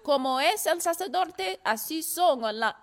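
A woman's voice: very high-pitched, animated, slow. A woman interpreting a sermon live, following the preacher closely with brief hesitations and restarts.

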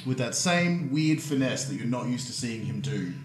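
A man's voice: mid-range voice, lively intonation, echoey room, background noise. A man playing a tabletop game, joking as he takes his turn and counting up his dice aloud. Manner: jokey, unhurried, counts aloud. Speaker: player. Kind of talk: casual tabletop game play.

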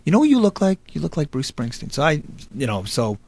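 A man's voice: fairly high pitch, wildly swooping pitch, fast, vocal fry, darkish tone. A man in his thirties, a guest improv comedian chatting casually, rambling with lots of fillers and restarts. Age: 30s. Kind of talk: casual interview chat.

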